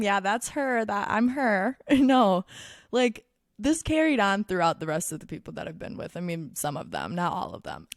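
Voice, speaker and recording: A woman's voice: mid-range voice, dry recording, studio quality. A young woman in her twenties hosting a casual solo podcast, talking candidly and crudely with lots of swearing and laughter. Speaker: podcast host.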